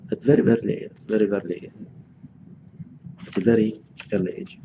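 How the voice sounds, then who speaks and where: A man in his sixties from Gaza gives a reflective personal lecture, speaking haltingly with many restarts and fillers. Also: fairly low pitch, fairly even intonation, lo-fi sound, noisy background. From Gaza, Palestine. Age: 60s.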